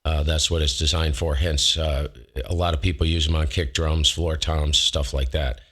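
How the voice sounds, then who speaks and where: This ham radio host, a man with a low voice, runs through a microphone demo in his home shack, speaking up close on a dynamic studio mic. He's folksy and rambling, often correcting himself, with a flat delivery, moderate pace and a fairly bright tone.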